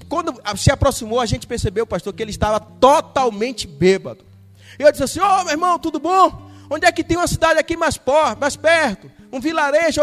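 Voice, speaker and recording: Brief: Brazilian male pastor, very high voice, animated sermon storytelling, soft guitar underneath. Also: big-room sound. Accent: Brazilian Portuguese. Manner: animated storytelling, acting out dialogue.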